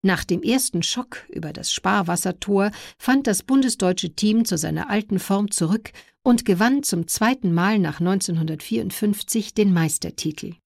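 Creaky-voiced woman narrating history, dry sound. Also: mid-range voice, normal speed, hardly any pauses, a little mellow, no echo. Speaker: documentary narrator.

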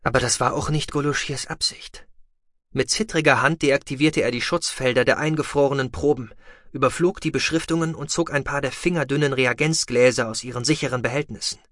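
A male narrator reads a science-fiction audiobook in a steady, measured way. His voice is bright and sits at a middle pitch. The recording is close and dry, with no room sound. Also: dry recording.

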